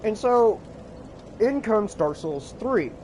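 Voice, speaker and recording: A man casually telling an anecdote about his games, animated, swearing freely and breaking into laughter. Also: high-pitched, takes it slowly, slight background noise, rough recording. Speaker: gaming storyteller.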